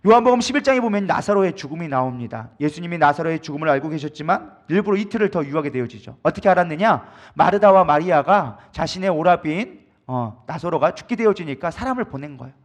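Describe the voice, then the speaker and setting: 남자 목사가 회중에게 질문을 던지며 힘주어 설교한다. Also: male voice, on the high side, animated, quick pace, few pauses. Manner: emphatic, asks the congregation many rhetorical questions. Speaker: pastor. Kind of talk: sermon.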